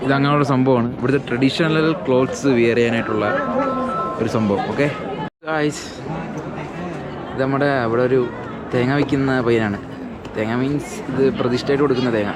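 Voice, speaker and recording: A young Malayali man hosts a casual travel vlog in a mid-pitched voice. He blends Malayalam with English words and phrases as he addresses viewers. He is outdoors, with people audible around him. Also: fairly quick, long pauses, heavy background noise. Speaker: travel vlogger. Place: outdoors around a hill town and forest. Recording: outdoor street sound with background chatter.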